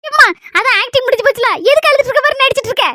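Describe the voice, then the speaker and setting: A young woman with a Kanyakumari Tamil accent playing a cheeky teenage daughter who makes quick teasing remarks in a family comedy skit. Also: very high voice, very noisy.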